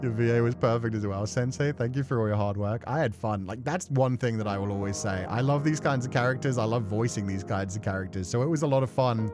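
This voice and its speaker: A streamer and voice actor who plays visual novels talks quickly in a medium-pitched voice, with few pauses and music in the background. He's casual, rambling, and thoughtful as he reads and answers viewer comments during his livestream, swearing now and then.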